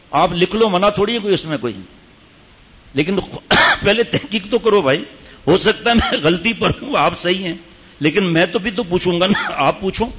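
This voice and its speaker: A man's voice: high-pitched, a bit bright, highs cut off. A man giving a stern sermon to a gathering, scolding his listeners with rhetorical questions. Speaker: religious teacher at a mosque retreat.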